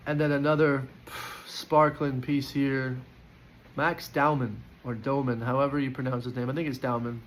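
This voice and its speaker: A man's voice: mid-range voice, flat delivery, normal speed, poor audio. A man giving casual, opinionated football player ratings in a chatty way, with frequent fillers and restarts. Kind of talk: casual post-match reaction.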